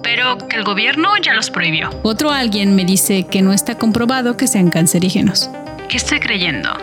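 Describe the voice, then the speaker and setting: A woman's voice: mid-range voice, animated, moderate pace. Reflective woman hosting over music. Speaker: podcast host. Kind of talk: scripted podcast narration.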